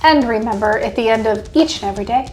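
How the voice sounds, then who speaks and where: A woman's voice: on the high side, quick pace, a little hiss or hum. A woman co-hosting a food show, chatting casually while tasting hot sauces. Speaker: co-host of a local food and small business show.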